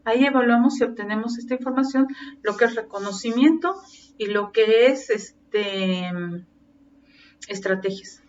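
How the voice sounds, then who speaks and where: A woman teacher explains things patiently to her class, often pausing on "este". The recording is distant and muffled, with a faint background hum, and her voice sits a little high. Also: darkish tone. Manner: explanatory, frequent fillers and restarts. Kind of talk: lecture to teacher trainees. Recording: distant muffled mic with faint ambient noise.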